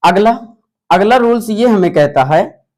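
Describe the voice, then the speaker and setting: A man's voice: high voice, expressive, measured pace, a little mellow. A young male English teacher, explaining grammar rules at a whiteboard and answering his own rhetorical questions. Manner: repetitive, asks rhetorical questions then answers them.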